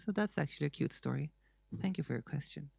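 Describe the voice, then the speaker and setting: A performer playing a grand diva persona, reciting spoken-word poetry in a dramatic, declamatory way with drawn-out lines, recorded in their own room. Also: medium pitch, expressive, vocal fry, a little mellow, slightly rough, dry recording, clean studio sound, full character voice. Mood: playful. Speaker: slam poetry contestant.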